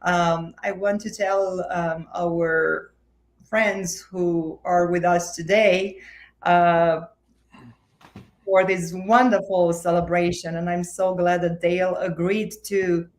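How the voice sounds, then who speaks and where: Slow-talking woman host. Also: on the low side, level tone. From Romania. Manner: slow, halting, many fillers. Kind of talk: hosting an online book event. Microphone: video call.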